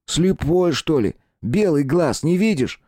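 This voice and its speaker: Man doing a shrill jeering teen bully. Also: lively intonation, takes it slowly, warm tone, dry recording, studio quality. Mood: scornful. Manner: shrill, sneering. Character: teenage boy sidekick bully, shrill and jeering.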